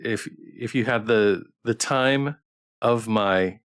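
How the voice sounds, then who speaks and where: The host of this visual novel stream sounds tired and takes it slowly, speaking in a fairly low, clean, slightly bright voice. He chats casually with viewers, hesitating, rambling, restarting, and repeating phrases.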